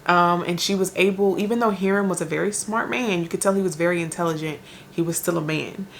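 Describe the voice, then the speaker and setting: A young woman with a low, gravelly voice talks casually about books in a chatty vlog. She rambles and corrects herself as she thinks out loud. A faint hiss sits under her voice. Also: fairly even intonation, fast talker. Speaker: book vlogger. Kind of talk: chatty book review vlog.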